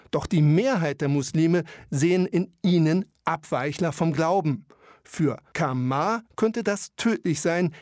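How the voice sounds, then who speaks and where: Male news reporter voice-over, slightly raised pitch, dry booth sound. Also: darkish tone, no echo. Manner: measured, matter-of-fact. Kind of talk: scripted news narration.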